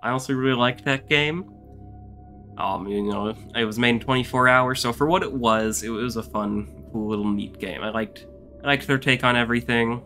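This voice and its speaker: A man hosting a gaming video, chatting casually over gameplay with loud, excited reactions. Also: medium pitch, moderate pace, soft background music.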